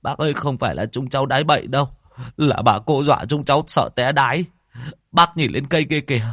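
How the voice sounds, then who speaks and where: A man's voice: medium pitch, fairly quick, a bit bright, no room sound, clean studio sound, voice pushed up, close to an everyday voice. A man voicing a frightened young village man who stammers and pleads. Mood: panicked.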